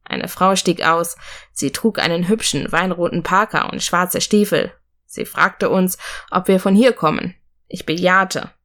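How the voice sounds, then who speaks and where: Woman narrator, audiobook, steady even reading, lowish pitch. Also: unhurried. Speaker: audiobook reader. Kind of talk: scripted narration.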